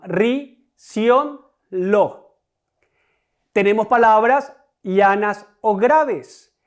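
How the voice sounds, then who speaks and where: Una persona docente que da una clase de gramática grabada para escolares, con tono deliberado y explicativo, repitiendo los conceptos clave y dirigiéndose a los alumnos. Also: mid-range voice. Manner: deliberate, explanatory, repeats key concepts; addresses students directly. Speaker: teacher. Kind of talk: recorded online grammar lesson.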